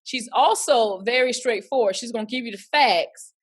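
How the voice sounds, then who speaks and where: A woman talks casually as an interview guest, with a voice sitting a little high. She tells her stories with life and slips into playful quoted voices. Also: moderate pace, breathy edge. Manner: lively storyteller who acts out quoted voices.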